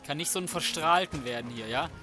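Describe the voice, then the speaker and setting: Over game music and sounds, a let's player with a voice on the high side talks fairly quickly. His commentary is cocky, casual and full of slang, and he frequently mutters to himself.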